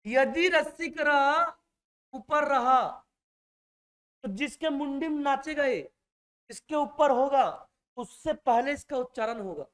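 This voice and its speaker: A male teacher lectures slowly in a classroom, drawing out each word. He goes over every point more than once and keeps stopping to ask whether the class understands. His delivery is patient and drilling. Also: very high voice, fairly bright tone. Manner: repeats each point and keeps checking that students follow. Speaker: Hindi exam-prep teacher.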